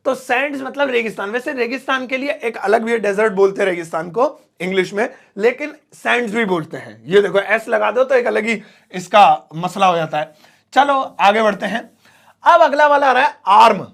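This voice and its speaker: Playful high-voiced male English teacher, gravelly. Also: fairly bright tone. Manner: playful and theatrical, with mock exclamations and jokes. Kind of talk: Hindi-language English lesson at a whiteboard.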